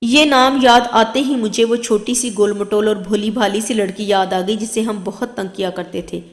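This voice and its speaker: A woman reading a long moral story as narrator, in a steady, measured way. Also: medium pitch. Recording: long reverb.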